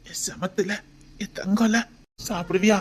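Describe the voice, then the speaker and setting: A woman's voice: medium pitch, fairly even intonation, a little slow, darkish tone, slight background noise, natural voice. A woman with a Tirunelveli Tamil accent voicing a doting young husband and father-to-be, tender and pleading, often near a whisper. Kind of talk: homemade web drama.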